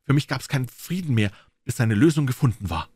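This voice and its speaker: A man narrates a classic detective story in the first person, giving it dramatic weight. His voice is mid-pitched and somewhat husky. The recording is dry and close, with no room sound. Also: lively intonation, fairly quick, darkish tone, no echo. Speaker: audiobook reader.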